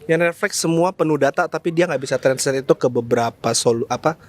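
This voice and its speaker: A man's voice: mid-range voice, fast talker. A man with a Jakarta Indonesian accent explaining things in a casual chat as an interview guest, dropping in English phrases. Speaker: interview guest from a social media agency.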